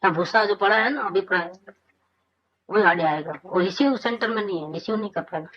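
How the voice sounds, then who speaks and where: A muffled, lo-fi clip captures a male spiritual teacher chatting through scripture informally. He asks rhetorical questions and answers them, his high, husky voice moving a little fast.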